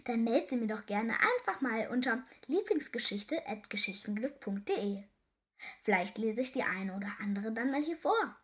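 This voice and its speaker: Young woman, storyteller, children's story, lively narration, slightly high voice. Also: normal speed.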